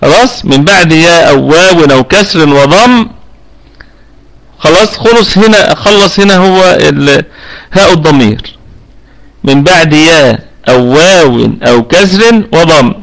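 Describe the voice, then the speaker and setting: Egyptian male tajweed teacher in an online class, higher-pitched, patient and checking in often. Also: expressive, fairly bright tone, poor audio. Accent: Egyptian Arabic. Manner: explains patiently, checks with students after each point; slows down to demonstrate recitation of words. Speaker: Quran recitation teacher. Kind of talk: live online tajweed lesson. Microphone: online voice chat room.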